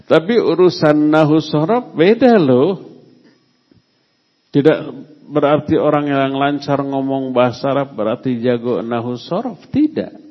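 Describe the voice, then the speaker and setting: A middle-aged man giving a religious study lecture, unhurried and emphatic, putting questions to his audience. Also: medium pitch, husky. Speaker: Islamic teacher. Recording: long hall reverb, muffled lo-fi sound.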